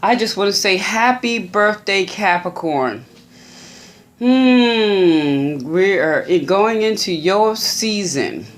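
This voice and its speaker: A tarot reader giving a gentle, unhurried birthday reading to viewers, musing aloud and restarting phrases. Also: medium pitch, lively intonation.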